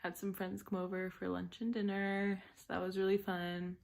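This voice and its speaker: Young woman, from the United States, casual vlog update, chatty, informal, medium pitch. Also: flat delivery, normal speed, creaky, darkish tone. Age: young adult. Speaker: vlogger.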